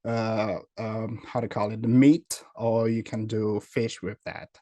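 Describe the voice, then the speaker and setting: A man from Senegal, a company founder talking as a guest in a casual video-call interview, friendly and quick to laugh, with many fillers. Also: lowish voice, flat delivery, mellow, no echo.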